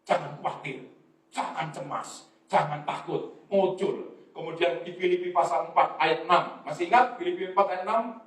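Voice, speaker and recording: A male pastor with an Indonesian accent delivers a lively sermon, coaxing his congregation to read aloud. His voice sits high and carries through an echoey church hall, picked up from some distance away. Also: moderate pace.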